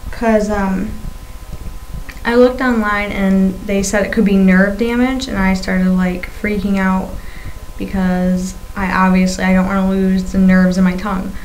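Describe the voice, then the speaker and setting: A young woman chatting casually to a webcam, her speech lisping, halting and labored from a swollen new tongue piercing. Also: mid-range voice, level tone, darkish tone, rough recording. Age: young adult. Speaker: video blogger. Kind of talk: casual vlog chat. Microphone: webcam at arm's length. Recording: faint-to-clear noise on webcam audio.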